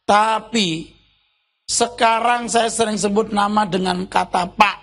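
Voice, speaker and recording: A man's voice: high-pitched, little pitch movement, slow pace, gravelly, fairly bright tone, faint music behind. A man pastor preaching a sermon in a loose, colloquial way, tossing rhetorical questions at the congregation.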